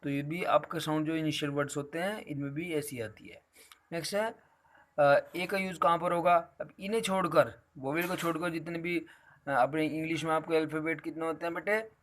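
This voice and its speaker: A man's voice: on the high side, fairly even intonation, a little fast, fairly bright tone. A man teaching a grammar lesson, explaining patiently and calling his students "beta" again and again.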